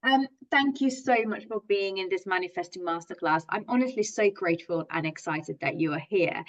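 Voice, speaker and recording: Speaking in a mid-range voice over dull audio, a middle-aged woman coaches in positive psychology during an online masterclass. She is a native Finnish speaker from Finland, and her delivery is earnest and enthusiastic, full of fillers and restarts.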